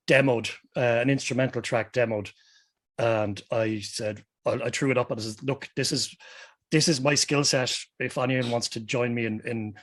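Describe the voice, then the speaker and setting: A man from Westmeath with an Irish accent, telling things casually as a musician guest, informal and self-deprecating. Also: medium pitch. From Westmeath, Ireland. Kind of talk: casual anecdotal chat.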